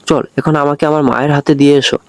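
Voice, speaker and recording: A cheeky little girl scolds the grown-ups around her without a trace of fear, as a man reads her lines. She is bossy and sure of herself. Her voice sits fairly high and sounds dry and close. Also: little pitch movement, fast, dry recording, close to an everyday voice. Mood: bossy scolding.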